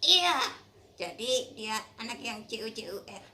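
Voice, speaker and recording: A woman's voice: fairly high pitch, big pitch swings, unhurried, bright, forceful tone, a little hiss or hum. A woman co-hosting a children's radio program, chatting in a playful way.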